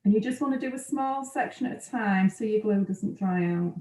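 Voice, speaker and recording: A woman's voice: mid-range voice, a little fast, dark tone. Chatty woman tutor, echoey. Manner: chatty, explains steps plainly. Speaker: craft workshop tutor. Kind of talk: casual video-call class chat. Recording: echoey room.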